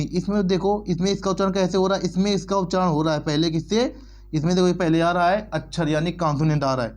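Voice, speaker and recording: A man teaching English grammar in Hindi, repeating words over and over and spelling them out letter by letter. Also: fairly high pitch. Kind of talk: explanatory lesson in Hindi.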